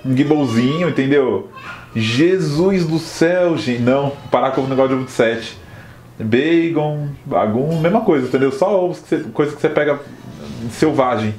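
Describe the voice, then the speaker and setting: A man with a Brazilian accent giving casual, excitable commentary on a mobile game, often exaggerating his emotions. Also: medium pitch, moderate pace, slight background noise. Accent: Brazilian Portuguese. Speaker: Pokémon GO vlogger. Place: outdoors at night, then indoors.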